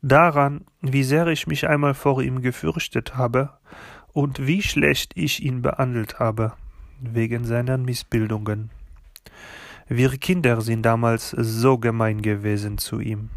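A man voicing a gentle, wise old French grandmother who speaks softly and thoughtfully in an audiobook. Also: medium pitch, steady tone, creaky, no room sound, studio quality. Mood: wistful. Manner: soft, reflective, slow.

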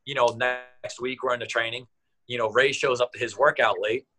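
A man's voice: medium pitch, moderate pace, low-quality recording. A man in his thirties, an athletic trainer, telling stories in a casual interview, acting out what people said. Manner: animated, acts out quotes with raised voice.

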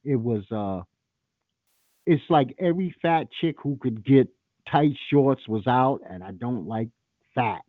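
A man's voice: medium pitch, expressive, measured pace, dry recording, narrow, tinny audio. A man hosting a call-in show, talking in a blunt, profane and opinionated way. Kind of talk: casual call-in radio talk.

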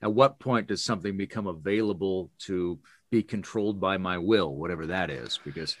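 A Canadian man hosting a podcast, asking relaxed, curious questions. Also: sits low, brisk. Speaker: podcast host. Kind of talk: interview questions.

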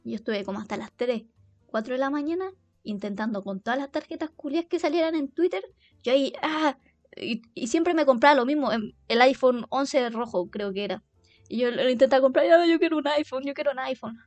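A woman's voice: high voice, dry recording, soft background music. A young woman with a Chilean accent telling funny stories about herself in a casual, slang-heavy monologue. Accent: Chilean Spanish. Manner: chatty, self-mocking, heavy slang, quick laughs. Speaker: podcast host.

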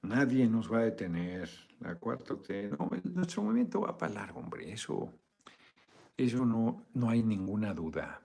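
A man's voice: fairly low pitch, very animated, normal speed, creaky, a little mellow. A man with a Mexican accent hosting a casual live video chat, joking, swearing freely and thanking viewers for donations.

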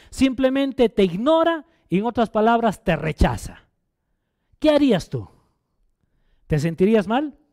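A man's voice: high voice, darkish tone, clear, resonant tone, dry recording, studio quality. A male pastor preaching a sermon, asking the congregation questions and repeating phrases for emphasis.

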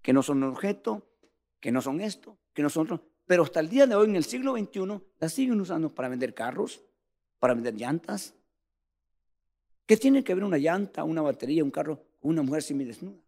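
Fervent preacher man, gravelly and high. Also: very animated, fairly quick, a little mellow, in a large hall. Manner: fervent, emphatic, direct address to the congregation. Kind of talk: sermon.

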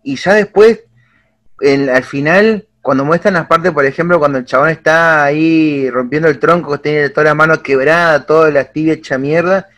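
Young Argentine man, casual chat, excitable and slangy, slightly high voice. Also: normal speed. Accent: Argentine Spanish. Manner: excitable, slangy, animated retelling.

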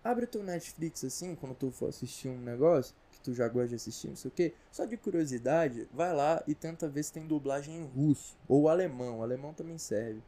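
A man's voice: fairly high pitch, animated, brisk, few pauses, warm tone. Rambling slangy Brazilian man. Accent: Brazilian Portuguese. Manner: rambling, slangy, full of restarts and asides. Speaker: vlogger. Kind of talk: comedic casual monologue.

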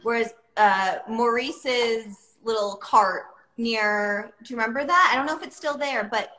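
A woman's voice: fairly high pitch, a little slow, pushed and bright, echoey room, rough recording. A woman in her thirties hosting a podcast, chatting casually and with bubbly enthusiasm. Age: 30s. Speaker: podcast host. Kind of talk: casual chat.

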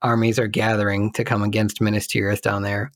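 A man co-hosts a podcast, chatting casually about a film and thinking aloud while he hunts for details. His fairly low voice stays level and moves a little fast. The recording is dry and clean, with a studio sound.

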